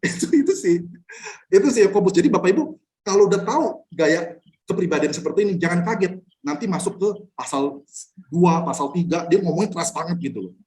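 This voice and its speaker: A male pastor teaching a Bible study in a loose, conversational way, speaking. He talks fast and his pitch swings widely. He is blunt and keeps throwing rhetorical questions at his listeners. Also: expressive, darkish tone. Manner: chuckles between points. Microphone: online class recording.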